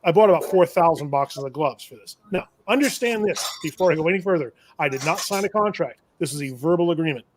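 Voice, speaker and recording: Man, somewhat high pitch, casual rambling storyteller, self-correcting, wry. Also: lively intonation, fast, hardly any pauses, background noise. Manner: rambling, self-correcting, chuckles at own misfortune. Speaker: shop owner and tool vendor. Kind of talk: casual storytelling on a live show.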